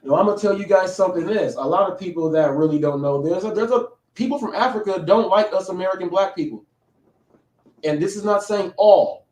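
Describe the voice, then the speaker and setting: A man in his late thirties speaks a little fast in a high, darkish voice while hosting a live show, rambling casually and checking in repeatedly with "okay?". The room is echoey and he's a bit away from the mic.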